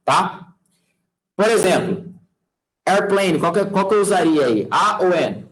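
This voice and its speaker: A man's voice: sits high, takes it slowly, rough recording. Chatty Brazilian man teaching class. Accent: Brazilian Portuguese. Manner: checks in with students constantly, asking "tá?" and "fechou?"; relaxed and chatty, using folksy sayings. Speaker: English teacher. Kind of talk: casual classroom lesson.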